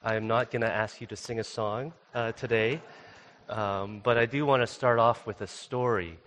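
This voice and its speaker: A man's voice: fairly low pitch, moderate pace, slight background noise. Young male guest preacher, chatty storytelling style, church reverb. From Canada. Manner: casual, many fillers, animated when telling the story. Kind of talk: storytelling sermon. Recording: long reverb of a church hall.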